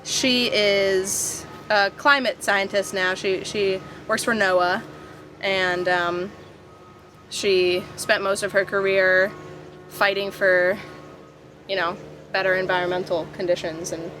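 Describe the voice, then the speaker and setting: Speaking slowly in a medium-pitched voice with a faint hiss or hum behind her, a young woman guests on a podcast recorded inside a van. She grew up abroad and hails from the Washington DC area, and her casual chat is full of lively stories, acted-out quotes, and frequent laughter.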